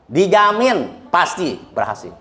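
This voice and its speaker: A middle-aged Indonesian man appears as a guest in a casual chat, telling his story bluntly, joking, laughing often and getting preachy. His voice sits high and is very animated and sharp-toned, at a measured pace.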